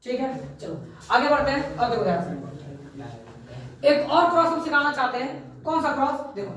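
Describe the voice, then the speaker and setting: A man's voice: very high voice, animated, normal speed, fairly bright tone, slight background noise. A young man tutoring a class, mixing English terms into his talk and constantly asking whether the students have understood. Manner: keeps checking if students understood; mixes Hindi with English terms. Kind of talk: classroom lesson. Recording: echoey room, voice from far off.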